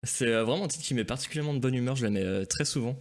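A man's voice: mid-range voice, rapid-fire. A man hosting a live morning show, interviewing a guest in an enthusiastic, admiring tone with hesitant fillers. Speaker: host. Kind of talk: casual interview chat.

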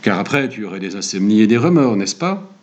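A lanky, gloomy man on holiday, curt and imperious, his voice dropped low, as a man reads him aloud. His husky tone still rises and falls widely. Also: very animated, brisk, darkish tone, muffled recording. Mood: aloof.

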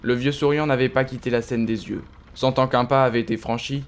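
A man giving steady, understated scripted narration of an audio drama. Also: mid-range voice, a little fast.

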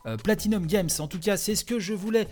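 Man, gaming news host, slightly high voice, chatty with fillers, faint music under. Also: brisk, darkish tone. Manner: chatty, many "hein" and "euh" fillers. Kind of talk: casual news commentary.

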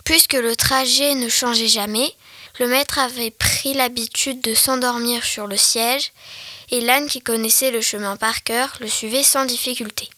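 A woman's voice: fairly high pitch, fairly even intonation, unhurried, bright, forceful tone, no room sound. A schoolgirl reading a story aloud carefully for her class. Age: under 12.

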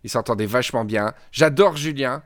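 A chatty man hosts a casual podcast recap, trading strong opinions with a co-host. His voice sits at an ordinary pitch, and the room sounds close and dry. He talks freely and laughs now and then. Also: moderate pace, a bit bright, no echo. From France.

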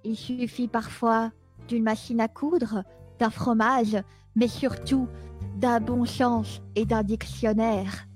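A woman in an improvised comedy sketch voicing a grandly confident love adviser, with drawn-out pronouncements and the slurred speech of someone wearing braces. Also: a little high, little pitch movement, music in the background. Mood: grandly assured.

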